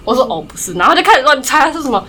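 A young woman from Taiwan chatting casually, telling stories in quick run-on clauses. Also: high voice, expressive, bright, forceful tone, a little hiss or hum. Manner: rapid storytelling, strings clauses with "然后". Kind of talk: casual chat.

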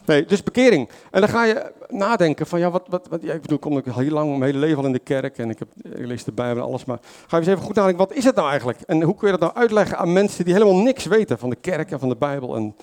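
A man's voice: a little high, lively intonation, racing, few pauses, darkish tone. Man preaching an informal sermon. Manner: conversational, many fillers and self-corrections, asks the congregation questions. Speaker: lay preacher.

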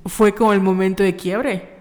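A woman's voice: medium pitch, steady tone, normal speed, a little mellow, in a large hall. A young Mexican woman co-hosting a podcast, telling stories in casual chat and acting out quoted voices. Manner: chatty storyteller, acts out quoted voices. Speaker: podcast co-host.

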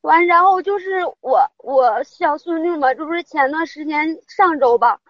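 A woman's voice: high-pitched, moderate pace, no echo, highs cut off. A middle-aged woman, calling in to an advice show and telling her story in a rambling, upset way. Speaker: caller. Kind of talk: phone-in advice call.

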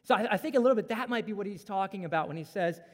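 A man in his thirties gives a sermon in a relaxed, chatty way, slipping into quick voices of coworkers and strangers to land his points. His voice sits high. A long hall reverb trails behind him. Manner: conversational, acts out everyday dialogue. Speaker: pastor.

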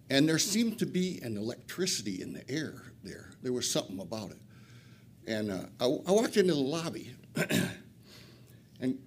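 A man's voice: medium pitch, slight background noise. An older man from Flint, Michigan, telling a profane, self-mocking recovery story at a retreat and laughing often. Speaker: recovery speaker.

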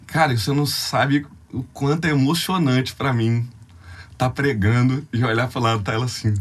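A man's voice: mid-range voice, fairly even intonation, normal speed, slightly rough. A young Brazilian man, a youth ministry leader, telling a heartfelt, tearful testimony on a podcast in a casual, slangy way.

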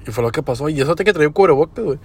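Animated and racing, his slightly rough voice a little high, a young man with a Mexican Spanish accent shares crude work anecdotes on his podcast. The storytelling is casual, slangy, and laid-back.

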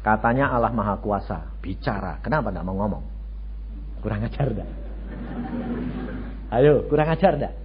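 An older man preaching a sermon, jumping between loud exclamations and low asides and throwing rhetorical questions at the congregation. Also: lively intonation, normal speed, pauses often, very noisy. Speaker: pastor. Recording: dull lo-fi radio broadcast.

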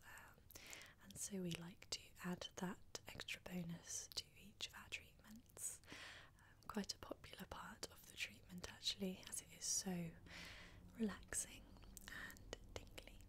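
A woman whispering softly and reassuringly as a hairdresser in an ASMR roleplay, talking close to the mic. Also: medium pitch. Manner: soft, unhurried, reassuring with many fillers. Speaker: ASMR creator playing a hairdresser.

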